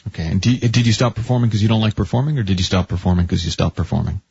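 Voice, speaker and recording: A man's voice: on the low side, rapid-fire, creaky, mellow, slightly rough, no room sound, lo-fi sound. A man hosting a call-in radio advice show, talking in a chatty, coaching way and often restarting his sentences. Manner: chatty, self-interrupting, coaching tone. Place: radio studio.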